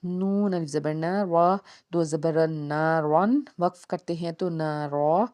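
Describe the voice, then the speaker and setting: A woman's voice: sits low, steady tone, darkish tone. A woman teaching Quran recitation rules, spelling out each letter and vowel syllable by syllable. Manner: slow measured syllable-by-syllable spelling. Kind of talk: spelling-out tajweed lesson.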